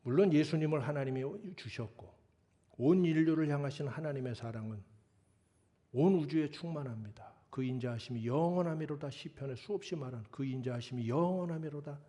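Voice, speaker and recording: A man's voice: a little high, brisk, warm tone. A middle-aged male pastor preaching a sermon in a conversational, scolding and joking way, acting out prayers. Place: church sanctuary.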